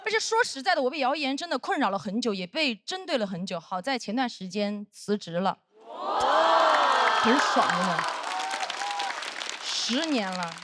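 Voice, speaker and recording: A woman's voice: a little high, expressive, a little fast, few pauses, fairly bright tone, some chatter behind, a little hiss or hum. A young adult woman performing a stand-up comedy routine on stage, telling a punchy story full of quoted dialogue. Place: stage with live audience.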